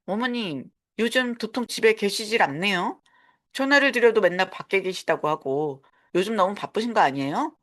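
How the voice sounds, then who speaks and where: A woman voicing a sharp-tongued young daughter-in-law who complains in a peevish, accusing way. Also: mid-range voice, animated, normal speed, lightly acted. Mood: sulky.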